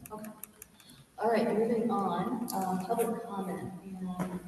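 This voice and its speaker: A woman's voice: mid-range voice, steady tone, measured pace, dark tone. Echoing, distant woman chairing a town meeting. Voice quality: voice echoes hollowly around the space. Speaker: select board chair running the meeting. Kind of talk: formal town meeting talk. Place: echoing makeshift meeting venue. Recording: very echoey hall, distant mic, clear noise.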